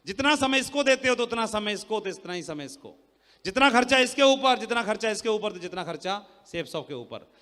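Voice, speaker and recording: A man giving a motivational sales talk on a handheld mic to a live audience, loud and teasing, quizzing the crowd. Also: sits high, animated, fairly quick, in a large hall. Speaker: seminar speaker. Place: large hall with an audience.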